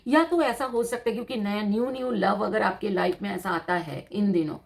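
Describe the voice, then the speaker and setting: A woman's voice: mid-range voice, fairly quick, creaky. A woman giving a tarot reading to her viewers in a teacherly, explanatory way, repeating her points and mixing in English terms. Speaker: tarot reader.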